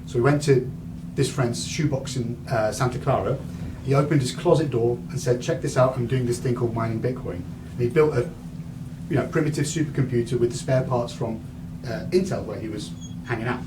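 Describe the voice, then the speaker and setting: Man, 30s, rambling lecturer, mid pitch, heard from far off. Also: brisk. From England. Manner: rambling, many fillers and restarts. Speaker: guest lecturer. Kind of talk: university lecture. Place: university lecture room. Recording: distant mic, audible room noise.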